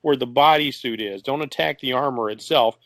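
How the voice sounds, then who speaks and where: A man's voice: medium pitch, fairly quick, a bit bright, no echo. Male podcast co-host, loose rambling chat, dead dry recording. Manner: rambling, lots of fillers, laughs easily. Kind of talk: casual chat.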